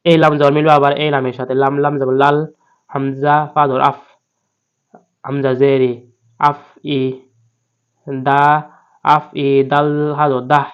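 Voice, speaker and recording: A man teaching a Quran reading lesson, spelling each word letter by letter and then chanting it slowly and drawn out, with a Bangladeshi Bengali accent. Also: mid-range voice, little pitch movement, smooth. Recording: dull lo-fi recording.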